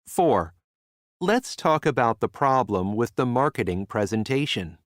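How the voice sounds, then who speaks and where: A man reading numbered example sentences in a measured way for a listening exercise. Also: mid-range voice, very animated, no room sound, clean studio sound. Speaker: sentence reader.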